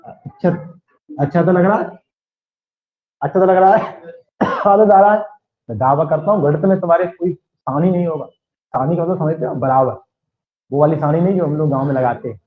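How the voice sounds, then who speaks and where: In a dull, echoey lo-fi recording of a classroom, a maths teacher with a western Uttar Pradesh Hindi accent questions his students and goes back over the main points. His voice is a little high, his pace moderate, and he leaves long pauses.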